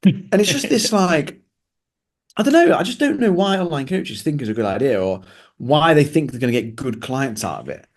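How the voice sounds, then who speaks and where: A man's voice: a little high, lively intonation, moderate pace. A man, a fitness coach co-hosting a casual podcast, ranting sarcastically. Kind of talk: casual chat.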